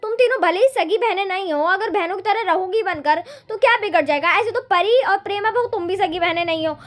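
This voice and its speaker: Woman voicing a mother-in-law, middle-aged, patient, lecturing, very high voice, homemade family drama. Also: brisk, a bit bright. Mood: soothing, lecturing.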